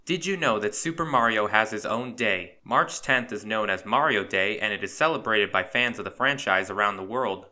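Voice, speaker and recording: A man in scripted narration, reading trivia in a brisk way with dry, sarcastic asides. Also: on the low side, pushed and bright. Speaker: fun-facts video narrator.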